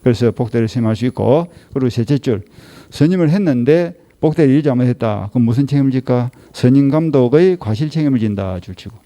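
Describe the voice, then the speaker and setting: A middle-aged male law lecturer with a Gyeongsang Korean accent and a gravelly, dark voice. He lectures for an exam-prep course. He nags his class and keeps firing rhetorical questions at them. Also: medium pitch, animated, fast.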